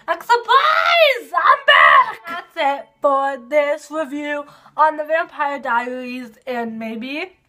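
A woman doing a casual video review of a TV episode, gushing and excitable, with lots of fillers. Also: high-pitched.

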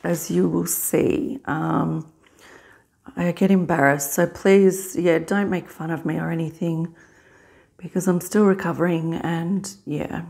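A middle-aged woman in a casual mukbang vlog, chewing while talking in a halting, unhurried way with pauses to eat. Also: on the low side, fairly even intonation, gravelly, a little mellow. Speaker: vlogger. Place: small indoor hospital room.

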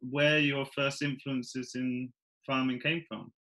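Bright-voiced male interviewer. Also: medium pitch, level tone, slow pace, low-quality recording. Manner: encouraging, hesitant phrasing with fillers. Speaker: podcast host interviewer. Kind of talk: interview questions.

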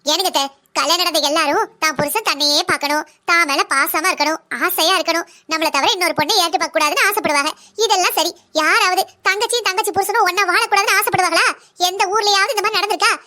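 A woman voicing a young, blunt and defiant daughter-in-law in a cartoon drama, speaking in a fast, lecturing way. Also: very high voice, pushed and bright.

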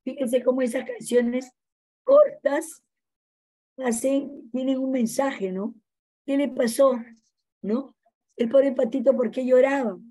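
A middle-aged woman teacher gives an informal class talk. She keeps checking in with her students and fills pauses with small words. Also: high voice, fairly even intonation, dark tone. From Peru. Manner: chatty, checks in with frequent "no?" tags and fillers. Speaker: college teacher.

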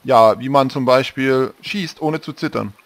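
A man's voice: mid-range voice, a little slow. A man hosting a survival game let's-play, chatting casually and rambling, often correcting himself mid-sentence. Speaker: gaming channel host.

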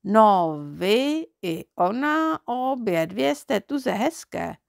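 A woman's voice: fairly high pitch, very animated, vocal fry, no room sound, studio quality, voice pushed up. A woman doing a cheeky, boastful little boy. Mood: cheeky, defensive. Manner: fibbing, defensive, a little cocky.

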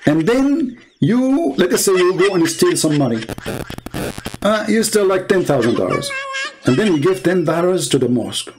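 A man's voice: sits high, very animated, moderate pace, background noise. A man hosting a channel and giving polemical commentary in non-native English, mocking and sarcastic, trading insults. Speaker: channel host and religious debater.

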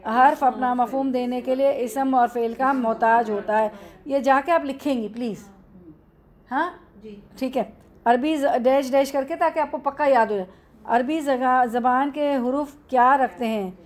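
A woman with an Urdu accent teaches a classroom grammar lesson in a slightly raised pitch. She moves step by step through the material. She often asks a question and then answers it herself. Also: fairly even intonation, unhurried.

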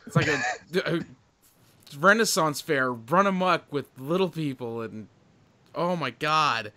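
A man's voice: fairly high pitch, expressive, a little slow, sharp tone. A man co-hosting a casual movie podcast, making dry, sarcastic quips. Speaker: podcast co-host.

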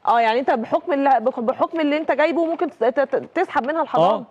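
Fast-talking Egyptian woman hosting a call-in show. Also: high voice, animated, highs cut off. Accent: Egyptian Arabic. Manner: probing, pressing callers with quick questions. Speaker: TV talk show host. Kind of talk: live call-in talk show.

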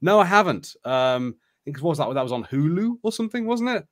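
Animated man hosting a gamebook stream. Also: fairly high pitch, a little fast, noisy background. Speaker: host of a live gamebook stream. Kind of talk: casual chat and expressive read-aloud narration.

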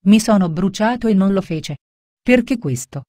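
A woman voicing a proud, quick-tempered male merchant in a storybook tale, accusing at first and humbled later. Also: mid-range voice, lively intonation, dark tone, dry recording, studio quality, lightly acted. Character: proud angry male merchant who loses his coins.

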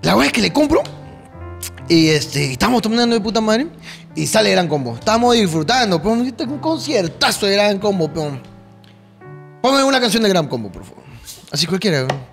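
Peruvian male podcast host, rowdy slangy storyteller, high and lively. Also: normal speed, vocal fry, soft background music. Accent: Peruvian Spanish. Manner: rowdy, slangy, laughing often. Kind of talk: comic storytelling.

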